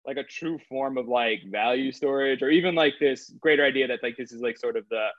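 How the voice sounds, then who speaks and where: With a mid-range, somewhat bright voice and a brisk pace, a man talks as a guest in a casual interview about trading crypto. He rambles, saying "like" constantly, and the sound is dry and dull, slightly lo-fi, with no echo.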